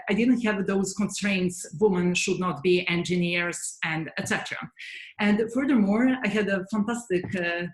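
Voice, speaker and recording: A woman's voice: mid-range voice, echoey room. A woman in her forties from Serbia with a Serbian accent, answering interview questions earnestly and thoughtfully, with frequent hesitations. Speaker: guest, head of software development.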